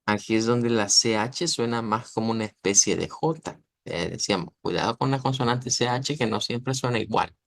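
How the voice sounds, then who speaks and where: A man, teaching pronunciation in an online lesson. His voice is lowish with plenty of gravelly fry. He talks patiently and keeps checking in with the class, recorded dry and close to the mic. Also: moderate pace, few pauses, no echo. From Latin America. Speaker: language teacher.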